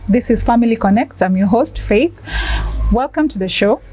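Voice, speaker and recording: A woman's voice: fairly high pitch, lively intonation, normal speed, soft background music, poor audio. Affirming woman TV host. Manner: warm, affirming, with frequent amens. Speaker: TV show host.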